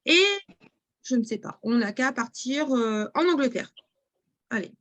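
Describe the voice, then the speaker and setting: A woman's voice: a little high, unhurried. A woman presenting a travel booking platform in a live online demo, speaking straight to viewers and reading their chat messages aloud.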